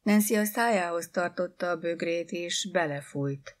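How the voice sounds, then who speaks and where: Lower-voiced woman narrator, measured audiobook reading.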